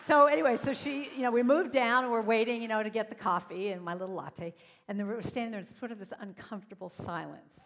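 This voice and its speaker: A woman telling stories to a congregation as a singer and speaker, lively and acting out the voices of the people she quotes. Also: mid-range voice. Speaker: singer and speaker at a church service. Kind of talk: storytelling talk to a congregation. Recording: long hall reverb.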